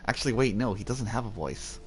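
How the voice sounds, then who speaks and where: Low-voiced man commentating on a game. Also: a little fast, faint music behind. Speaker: let's play host.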